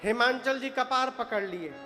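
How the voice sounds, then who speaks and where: A man's voice: very high voice, pushed and bright. A man preaching a religious story to a live audience, speaking, singing verses and questioning the crowd as he tells it. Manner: questions the audience, sings verses slowly, acts out dialogue. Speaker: katha preacher. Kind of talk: sung and spoken religious storytelling. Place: large hall before a live audience. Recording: live hall with reverb and instrumental music.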